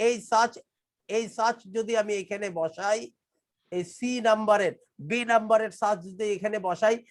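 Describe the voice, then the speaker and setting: A man from Bangladesh, an English teacher, giving a live online class lecture. He explains step by step, repeats key phrases, and reads English test sentences slowly, word by word. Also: sits high.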